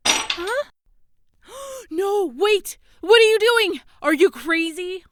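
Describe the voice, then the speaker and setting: A woman voicing a bossy, confident witch in an animated series, brisk and sassy with a commanding manner. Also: very high-pitched, slight background noise, exaggerated voice. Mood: alarmed. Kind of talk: animated web series voice acting.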